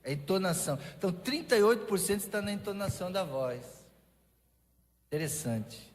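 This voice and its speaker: A man's voice: high-pitched, brisk, a little hiss or hum. Man, pastor, Brazilian Portuguese accent, conversational sermon, frequent restarts, long church reverb. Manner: conversational preaching with restarts and lively asides. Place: church sanctuary.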